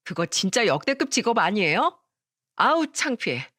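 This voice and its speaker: A woman's voice: big pitch swings, normal speed, a bit bright, dry recording, studio quality. A woman voicing a haughty young wife of a judge who mocks and threatens her sister-in-law in a storytelling radio drama. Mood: sneering. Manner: mocking, shrill and bossy.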